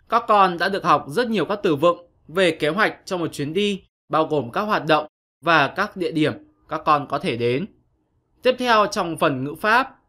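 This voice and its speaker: A male English teacher reads a scripted online lesson, patient and methodical with young pupils. His voice sits a little high and rings bright and forceful.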